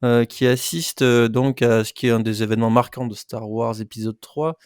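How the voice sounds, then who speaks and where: A man's voice: medium pitch, fairly even intonation, moderate pace, darkish tone, clean tone, dry recording, studio quality. A man co-hosting a casual podcast, joking around and hesitating with many fillers. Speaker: podcast co-host.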